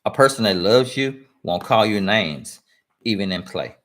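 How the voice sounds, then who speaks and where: A man's voice: fairly low pitch, animated, unhurried, a bit bright. A man giving earnest, emphatic relationship advice in casual talk, repeating points for stress and using informal speech. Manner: informal speech with dropped verb endings. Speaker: guest speaker.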